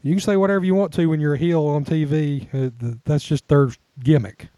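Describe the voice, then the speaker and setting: A man's voice: fairly high pitch, expressive, brisk, mellow, dry recording. A man co-hosting a casual podcast, chatting and laughing with frequent restarts. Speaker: podcast co-host. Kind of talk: casual chat about wrestling.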